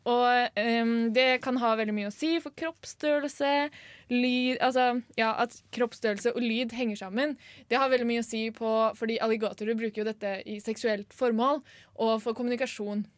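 A woman's voice: on the high side, steady tone, dry recording. A woman co-hosting a casual radio chat in a studio, laughing and explaining in rambling turns. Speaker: radio co-host.

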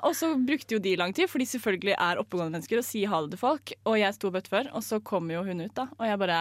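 A young woman in her twenties co-hosting a radio show, telling animated, self-deprecating stories in casual chat. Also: medium pitch, dry recording. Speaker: radio co-host. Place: radio studio.

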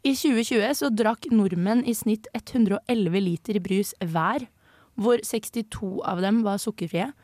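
A woman's voice: medium pitch, a little mellow, no room sound. A young woman from Norway co-hosts a casual student radio show. She explains at length, hesitating and correcting herself as she goes, and her voice sits in the middle of the range. The studio sound is dry and close. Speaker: co-host presenting research.

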